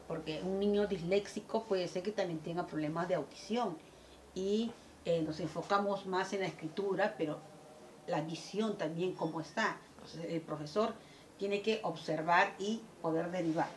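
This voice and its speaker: Woman slowly announcing lesson headings. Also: mid-range voice, slight background noise. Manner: slows down to announce each heading, fills with "este" and "eh". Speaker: teacher giving a talk on dyslexia exercises. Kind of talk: explanatory lesson, reading out activity headings.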